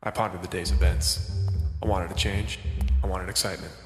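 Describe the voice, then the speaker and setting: A fairly low voice of a male actor as a jaded, sharp-eyed private detective. He delivers noir radio drama lines in a clipped deadpan, with brassy music clearly behind. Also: a little fast, echoey room, big-room sound, close to an everyday voice. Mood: wry. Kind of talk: noir audio drama narration.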